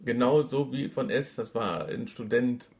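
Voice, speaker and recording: This podcast co-host has a mid-range, creaky voice with a darkish tone, animated though a little slow. In a casual chat about a radio play, he talks chattily, hesitating with fillers and frequent restarts.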